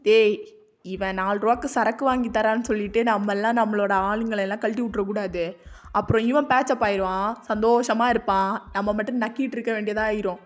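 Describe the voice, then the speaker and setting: A woman's voice: mid-range voice, fairly even intonation, a little fast, natural voice. A woman voicing a blunt, teasing young man who ribs his friend over drinks, in slangy talk. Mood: mocking. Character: teasing, bossy young male drinking buddy. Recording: dull lo-fi audio with music.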